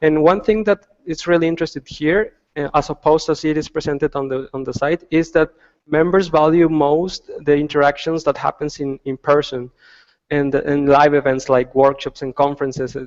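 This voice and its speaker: A man's voice: fairly high pitch, steady tone, moderate pace, darkish tone. A man on a video call explaining design research, with many restarts and fillers. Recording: dull lo-fi sound with long reverb.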